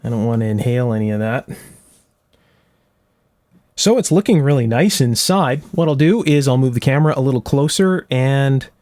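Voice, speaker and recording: In his indoor electronics workshop, a restoration channel host works through a hands-on demonstration, reasoning aloud in a casual, methodical, step-by-step way. His voice is medium-pitched and a little mellow, recorded at studio quality with no room sound.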